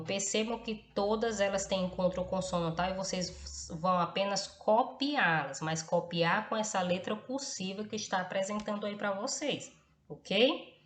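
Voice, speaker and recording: A woman teaching a class, patient and slow, checking in after nearly every phrase and spelling words out letter by letter. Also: mid-range voice. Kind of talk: recorded class lesson. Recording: echoey room, faint background hiss.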